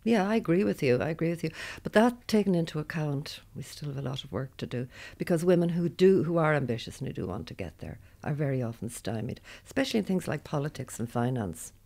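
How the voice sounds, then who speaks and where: Outspoken Irish woman, 70s, low and gravelly, talkative roundtable guest. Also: animated, quick pace, few pauses, mellow. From Ireland. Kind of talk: casual discussion.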